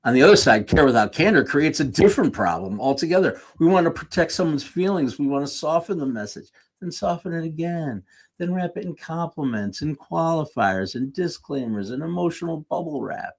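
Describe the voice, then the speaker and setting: A man's voice: fairly high pitch, animated, a little fast, gravelly, husky. A man giving a conversational sermon with jokey asides, correcting himself mid-sentence as he goes. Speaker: speaker at a live church series.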